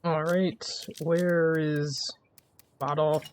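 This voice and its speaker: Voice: mid-range voice, level tone, very slow, slight background noise. Easygoing streamer laughing through gameplay. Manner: easygoing, laughs often, jokey asides. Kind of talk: casual gameplay commentary.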